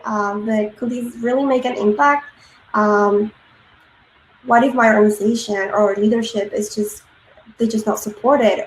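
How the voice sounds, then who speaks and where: Woman, thirties, grew up in Peru; earnest conference speaker, filler-heavy, roomy echo on the recording. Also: a little high. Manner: frequent ums and uhs, earnest. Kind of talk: presentation talk. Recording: echoey room with faint noise.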